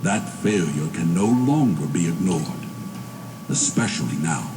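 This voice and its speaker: A man's voice: low voice, animated, a little slow, over music. A man voicing a stern official in a game who dismisses an agent, speaking in a cold, clipped, formal way.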